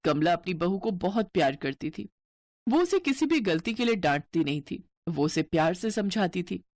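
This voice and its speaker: A woman's voice: on the low side, big pitch swings, normal speed, darkish tone. Woman narrating a cartoon story.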